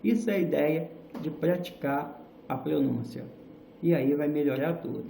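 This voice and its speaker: A man teaching English pronunciation, slowly repeating example phrases with varied intonation. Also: a little high, vocal fry, mellow. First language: Portuguese. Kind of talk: slow classroom-style lesson with repeated example phrases. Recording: echoey room with faint background noise.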